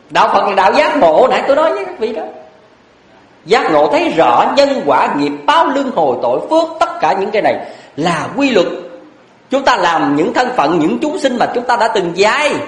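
A Buddhist monk giving a blunt, earnest dharma talk full of rhetorical questions. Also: male voice, sits high, fairly bright tone. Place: lecture hall. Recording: echoey hall.

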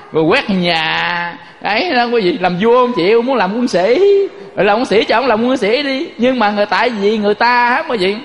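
A man's voice: very high voice, fairly bright tone, in a large hall. A man giving a folksy Buddhist sermon, telling stories and constantly addressing his listeners. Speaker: Buddhist monk teacher.

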